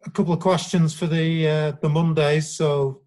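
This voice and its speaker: A man's voice: fairly high pitch, little pitch movement, normal speed, darkish tone. A man moderating a press conference, making procedural announcements. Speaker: press officer.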